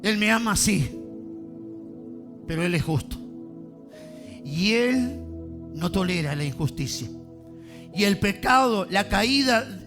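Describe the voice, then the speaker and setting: A man preaching a sermon in a church, fervent, calling on the congregation to answer and rising to shouts. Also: sits high. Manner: fervent, builds to shouting, calls on congregation to respond.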